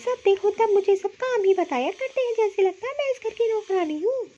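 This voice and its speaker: A woman's voice: extremely high pitch, expressive, a little fast, dark tone, lo-fi sound. A woman voicing a sulky, short-tempered young daughter-in-law in a cartoon, talking in an irritable, complaining way. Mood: irritated. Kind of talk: cartoon voice acting.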